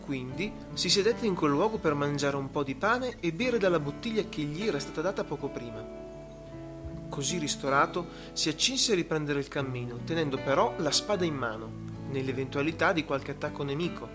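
A man narrating a story in a steady, measured way. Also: on the high side. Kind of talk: scripted narration. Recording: music playing behind.

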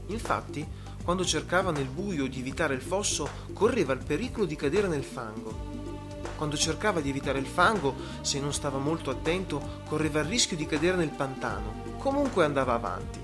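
A man narrating a story in a steady, measured way. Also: on the high side. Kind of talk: scripted narration. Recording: music playing behind.

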